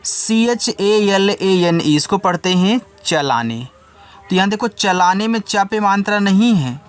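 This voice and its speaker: A man teaches English reading in a fairly high voice. He spells each word out letter by letter and sounds out the syllables patiently. He drops in casual asides to his students. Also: animated, moderate pace, smooth.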